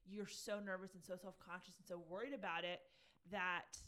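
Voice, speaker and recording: A woman's voice: lowish voice, flat delivery, moderate pace, pushed and bright. A woman speaking earnestly and thoughtfully on a casual podcast. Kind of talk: casual chat.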